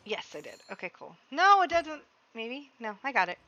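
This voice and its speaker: A young woman streams a video game, chatting to herself casually in live gameplay commentary that is expressive and playful. Her voice sits high at a moderate pace, and the high frequencies are cut off.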